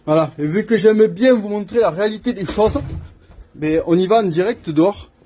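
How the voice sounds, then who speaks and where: A man's voice: sits high, normal speed, mellow, slight background noise. A man filming himself on his phone in his home workshop, chatting casually to the viewer as he works on a scooter and thinks aloud. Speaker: scooter mechanic vlogger. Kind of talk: casual how-to vlog.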